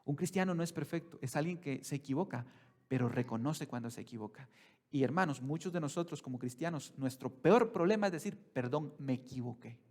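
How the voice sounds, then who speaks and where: A man preaching a sermon as pastor, calling the congregation brothers and putting questions to them, swinging from quiet, slow passages to loud, raised ones. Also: fairly high pitch.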